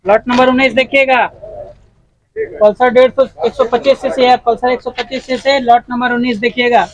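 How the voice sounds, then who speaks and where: A man's voice: extremely high pitch, level tone, a little fast, poor audio. A man at an outdoor bike auction, announcing lot numbers. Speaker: auction staff. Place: outdoor lot full of parked motorbikes.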